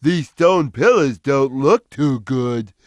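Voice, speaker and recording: Slow, gentle, simple-minded big cartoon cat, Big the Cat. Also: male voice, mid-range voice, expressive, dry recording. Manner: slow, simple, childlike, drawn-out delivery. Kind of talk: video game character voice lines.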